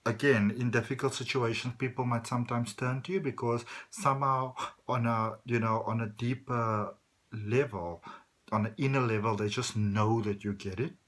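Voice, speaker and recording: A man with a mid-pitched voice gives a spiritual tarot reading as a fortune teller. He addresses the listener directly and conversationally. His phrasing is halting and thought out as he goes, with frequent little check-ins. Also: fairly bright tone. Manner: conversational, halting, often checking in with okay and you know. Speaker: tarot card reader.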